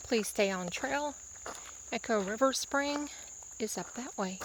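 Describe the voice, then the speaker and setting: A woman's voice: a little high, unhurried. Woman vlogger musing aloud, noisy recording. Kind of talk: casual travel vlog narration.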